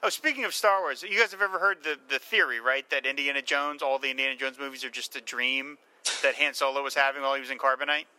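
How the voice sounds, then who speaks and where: A man's voice: mid-range voice, steady tone, fast talker, bright, forceful tone, smooth, dry recording, poor audio. A man hosting a casual film podcast, speaking in an enthusiastic, emphatic way. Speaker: podcast host.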